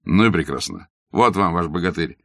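A man's voice: deep voice, lively intonation, normal speed, bright, forceful tone, no echo, clean studio sound, exaggerated voice. Bazarov, a blunt, mocking young doctor, read by a man. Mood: wry. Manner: curt, ironic, matter-of-fact.

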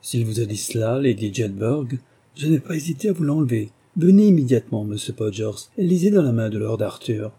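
An imperious society hostess speaks quick and emphatic, her voice lifted and pushed forward, as a man puts her on in a storybook. Beneath it the tone stays dark and husky. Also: medium pitch, expressive. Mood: brisk.

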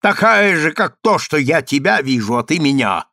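A shrill, scornful young woman flings insults at everyone around her, as a male reader puts her on. Her voice sits high and loud, pushed up well above a plain speaking voice, in a dry, close audiobook sound. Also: lively intonation, measured pace, no room sound. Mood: defiant. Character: spiteful defiant young woman, furious and scornful.

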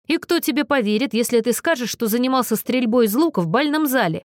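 A woman's voice: fairly high pitch, lively intonation, quick pace, dry recording, studio quality, voice pushed up, lightly acted. A woman reading an audiobook, voicing a sensible, skeptical young man. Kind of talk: audiobook character voice.

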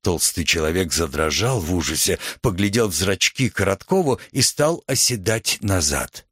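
A man reading a story aloud as narrator, expressive and theatrical. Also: low-pitched, moderate pace, slightly rough, no room sound, studio quality.

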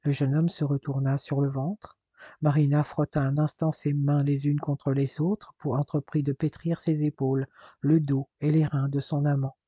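Husky, dark-toned male narrator. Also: a little high, normal speed, no echo. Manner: steady storytelling read. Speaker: audiobook narrator. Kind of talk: scripted narration.

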